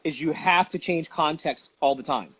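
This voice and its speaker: A man's voice: on the high side, moderate pace, a bit bright, breathy edge. A man giving casual, emphatic explanations as an instructor, often posing questions and answering them with examples. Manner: informal, emphatic, self-questioning teaching with examples. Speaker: dog detection trainer and instructor. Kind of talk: casual explanatory interview talk. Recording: dull lo-fi audio with faint noise.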